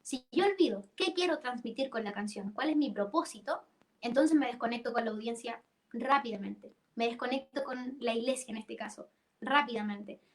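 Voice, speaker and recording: A woman's voice: a little high, moderate pace. A young woman teaching a church singing workshop, explaining vocal registers and demonstrating them by singing.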